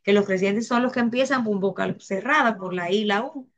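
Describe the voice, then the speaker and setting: A woman teacher with a Dominican accent giving a grammar lesson in a classroom, talking slowly, repeating herself and putting questions to her students. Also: mid-range voice. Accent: Dominican Spanish.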